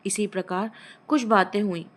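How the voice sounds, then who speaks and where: A woman storyteller reads a short story aloud. Her narration is measured and expressive. Her voice sits at an ordinary middle pitch, neither high nor low. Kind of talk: story reading.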